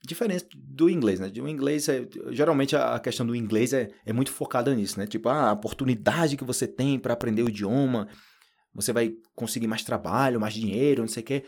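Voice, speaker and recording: Hosting a casual podcast lesson, a Brazilian man who teaches Portuguese speaks fast with a Brazilian Portuguese accent and a creaky, breathy edge. His chatty talk is packed with fillers like "tipo" and "né," and he acts out quoted people in a higher voice.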